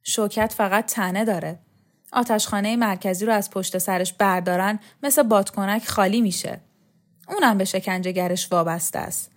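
A bitter, restless young man lectures with a sardonic edge, as a woman reader voices him. Her own mid-pitched voice barely changes for him. It is an audio storybook. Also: close to an everyday voice.

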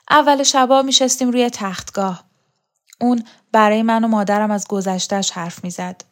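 A proud, worldly older woman speaks in a storybook, her manner wry and reflective as she recalls the past. A woman voices her in her own even reading voice. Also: medium pitch, close to an everyday voice. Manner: reflective, mocking.

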